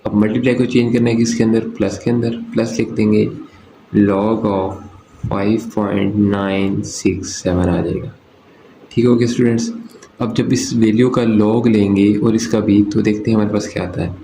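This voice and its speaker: A man's voice: lowish voice, little pitch movement, normal speed, dark tone. A man from Pakistan, teaching a maths lesson step by step, asking and answering his own questions. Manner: asks and answers his own questions, often checks "okay". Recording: roomy echo with faint background noise.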